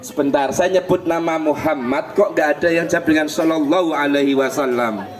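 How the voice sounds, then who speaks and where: A man, a puppeteer gently teaching children in a live puppet show. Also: a little high, fairly quick. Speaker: puppeteer and storyteller. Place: indoor gathering with many children. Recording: noisy children's crowd behind.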